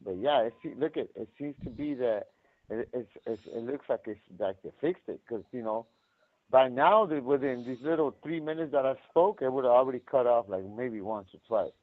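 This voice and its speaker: A man's voice: medium pitch, moderate pace. A man calling in from a prison payphone, chatting casually with laid-back slang and swearing. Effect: prison payphone line. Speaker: incarcerated caller. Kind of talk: casual chat. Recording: tinny phone line.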